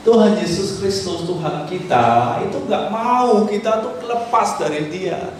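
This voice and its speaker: Animated male preacher in echoey hall. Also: high voice, a little slow. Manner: animated preaching, quoting pleading voices, swings between loud and hushed. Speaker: pastor. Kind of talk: sermon. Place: church hall. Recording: very echoey church with faint background noise.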